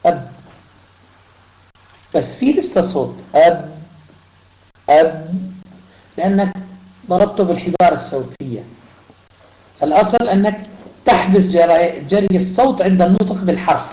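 A man's voice: fairly high pitch, mellow. A man teaching a recitation lesson online, explaining patiently and sounding out letters to demonstrate. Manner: switches between Arabic and German in explanation. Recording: roomy, dull online audio.

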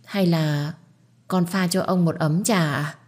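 A woman's voice: on the low side, steady tone, slow, darkish tone. A woman doing a sugary, scheming young girl. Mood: wheedling. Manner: sugary, wheedling.

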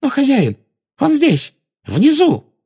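A man voicing a frantic, fanatical witch who shrieks and pleads in a shrill, squealing voice, in an audiobook reading. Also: huge pitch swings, slow, creaky, a little mellow, full character voice. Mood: pleading.

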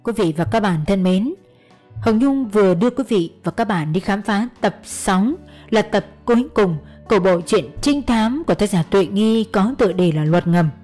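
Woman reading an audiobook, calm and steady, mellow dark voice, faint music behind. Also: mid-range voice. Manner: calm, measured storytelling. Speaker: audiobook narrator. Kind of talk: scripted audiobook narration.

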